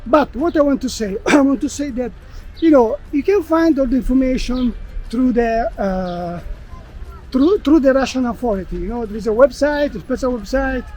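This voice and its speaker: An Italian-accented man, a non-native speaker of English, chats as an interview guest outdoors in a city park. He talks haltingly, stopping and restarting as he hunts for the right words. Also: very high-pitched, a little mellow. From Italy. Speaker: guest, expat blogger. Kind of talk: casual interview while walking.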